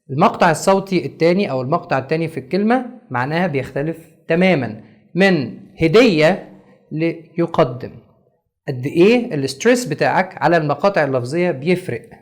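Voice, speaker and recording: A man with an Egyptian Arabic accent, teaching English to beginners and switching between Arabic explanation and slow, heavily stressed English words. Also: a little high. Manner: slow, over-stressed English pronunciation drills.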